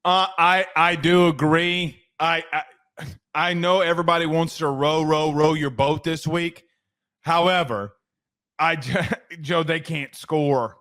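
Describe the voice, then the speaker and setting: A man co-hosts a casual sports podcast, trading picks with his partner in loose, friendly chat. He often stumbles and restarts his sentences, and his voice is somewhat high for a man. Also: steady tone, slow pace, a bit bright. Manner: stammering restarts, talks to co-host by name. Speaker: podcast co-host.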